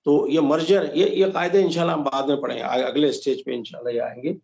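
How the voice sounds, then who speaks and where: A man teaching a Quran recitation class, patiently explaining rules step by step and slowly modeling the sounds. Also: mid-range voice, fairly even intonation, vocal fry, a little mellow. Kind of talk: online tajweed class. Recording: dull lo-fi roomy audio.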